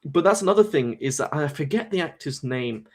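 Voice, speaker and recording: A man's voice: fairly high pitch, expressive, a little fast. A young man hosting a casual live-stream discussion, talking in a rambling way with many fillers and restarts. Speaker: host.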